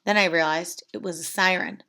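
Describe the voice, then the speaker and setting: A woman reading a novel aloud in an even, plain narration. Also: lowish voice, a little fast, gravelly. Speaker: reader.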